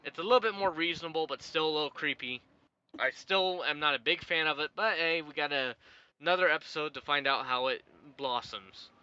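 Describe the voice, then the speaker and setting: A man's voice: fairly high pitch, brisk, sharp tone, clean tone, muffled recording. A man casually recapping a cartoon episode for his show, rambling and chatty. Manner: rambling, chatty, laughs at his own jokes. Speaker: YouTube show reviewer.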